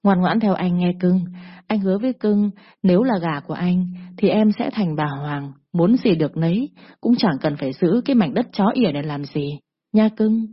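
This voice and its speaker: Woman doing a cocky thug, bullying drawl, husky and low, lo-fi storybook read. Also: normal speed. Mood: menacing. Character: swaggering male gangster loan shark, lewd and cocky. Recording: dull lo-fi recording.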